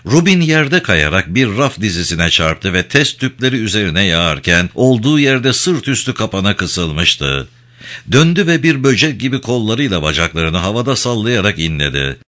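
A man narrating an audiobook with a dramatic, expressive reading. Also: lowish voice. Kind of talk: scripted narration.

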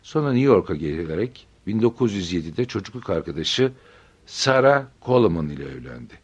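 Male audiobook narrator, low and husky, steady measured storytelling. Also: highs cut off.

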